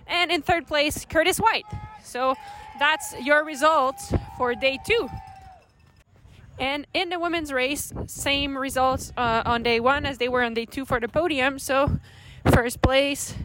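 High-voiced woman hosting a casual cycling vlog. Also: a little slow, fairly bright tone, a little hiss or hum, low-quality recording. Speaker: host and bike racer. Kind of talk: casual race recap and interview.

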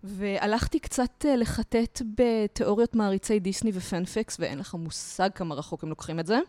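A talkative woman sits as a podcast guest and explains things at length, animated and sure of herself. Her voice sits at a middle pitch. The recording is dry and close, with no room sound. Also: no room sound. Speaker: guest lecturer on culture history. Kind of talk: podcast interview.

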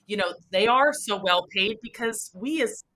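A woman's voice: medium pitch, expressive, moderate pace, bright, forceful tone. A woman hosting a podcast interview, enthusiastic and emotional, laughing often. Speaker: podcast host.

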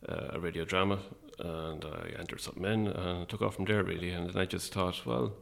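A man with an Irish midlands accent talking casually and a little hesitantly as an interview guest, in a low-key, wry way. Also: fairly even intonation, brisk, vocal fry, fairly bright tone. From Longford, Irish midlands.

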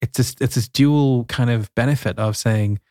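A man's voice: mid-range voice, normal speed, darkish tone, no room sound, studio quality. A man hosting a podcast, telling stories in a reflective way and introducing a guest. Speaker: podcast host. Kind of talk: scripted intro and casual chat.

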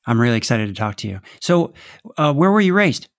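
A man hosts an interview, reading a formal bio in a measured, even way before asking his guest questions. His voice sits in a middle pitch. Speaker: podcast host. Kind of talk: scripted introduction and interview questions.

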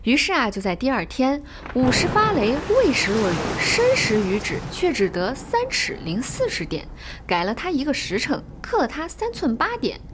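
A woman retelling a classic tale casually, chatty and expressive, with asides to the listener. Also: sits high, moderate pace, background noise. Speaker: storyteller. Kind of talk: casual storytelling podcast.

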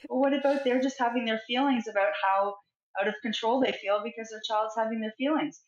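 A middle-aged woman, a counsellor, talking as a guest in an interview, speaking in a reflective, expressive way and acting out little everyday scenes. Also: on the high side, a little fast. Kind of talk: conversational interview. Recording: roomy, dull lo-fi sound.

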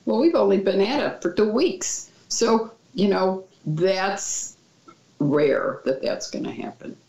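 A woman answering interview questions as a child mental health expert, giving calm, reassuring advice. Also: medium pitch, slow pace, vocal fry. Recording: dull, echoey room sound.

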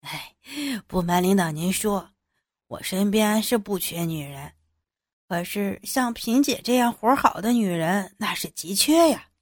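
A woman voicing a crude, fawning man who flatters his boss, in an adult audio story. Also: mid-range voice, a little slow, no room sound, clean studio sound, lightly acted. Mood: sleazy. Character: crude young male hanger-on, flattering and lewd.

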